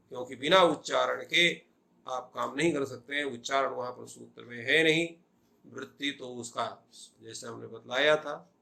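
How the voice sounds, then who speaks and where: A man's voice: mid-range voice, vocal fry, bright, forceful tone. An older male professor lecturing on Sanskrit grammar, posing questions and answering them himself. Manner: explanatory, asks and answers his own questions.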